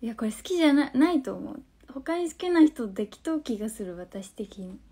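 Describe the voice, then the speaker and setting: A woman in her twenties with a Hakata dialect, hosting a casual phone live stream, chatting, reading viewer comments aloud and answering them, sometimes dropping into soft near-whispered asides. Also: a little high, very animated, fairly quick, breathy edge. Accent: Hakata dialect of Fukuoka.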